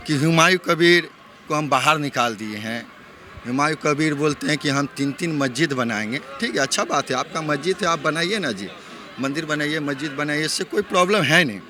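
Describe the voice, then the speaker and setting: A man from West Bengal, India speaks up high and sharp in a street interview, firing off heated rhetorical questions. His voice is very bright and cutting, with a faint hum of noise around him outdoors.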